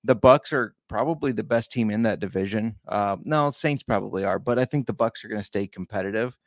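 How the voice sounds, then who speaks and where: A man's voice: fairly low pitch, fairly quick, no echo, clean studio sound. A man co-hosting a casual fantasy football podcast, easygoing and often correcting himself as he reads listener questions. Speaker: podcast co-host.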